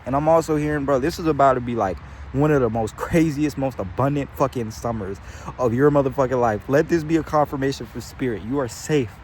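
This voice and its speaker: A young man gives a loose, profanity-laced spiritual pep talk, drifting off topic and calling his listeners bro and gang. His voice sits at a middling pitch. Faint traffic hums behind him outdoors. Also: a little fast, a little mellow. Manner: rambling, slangy, heavy swearing, calls listeners bro and gang. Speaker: spiritual channeler vlogger.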